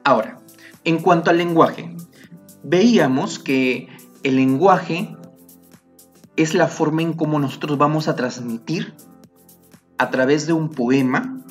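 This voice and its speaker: A man's voice: fairly high pitch, slow pace, long pauses, soft background music. Patient male teacher explaining poetry. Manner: patient, explanatory, self-correcting. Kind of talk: classroom lesson explaining poetry.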